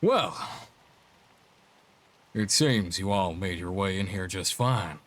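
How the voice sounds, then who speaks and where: A man's voice: sits low, lively intonation, takes it slowly, fairly bright tone, pitched below the performer's own voice, heavily acted. A man voicing a mocking armored villain whose voice is muffled behind his helmet. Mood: taunting. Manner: taunting, condescending.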